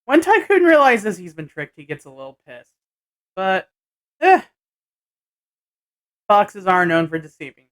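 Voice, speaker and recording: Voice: mid-range voice, big pitch swings, measured pace, long pauses, fairly bright tone. A person giving a casual episode recap vlog, hesitantly thinking aloud as they go. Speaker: anime and tokusatsu episode reviewer.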